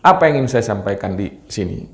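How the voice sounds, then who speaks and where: Man, Friday sermon, lively scolding and joking, echoey mosque hall. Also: on the low side, fast. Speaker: preacher.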